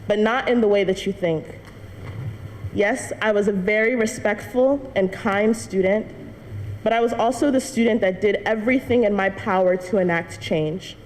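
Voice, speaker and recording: A young woman student shares her personal story with a church congregation in an earnest testimony, lightened by small laughs. Her medium-pitched voice is darkish and paced normally. The hall recording has long church reverb and faint noise.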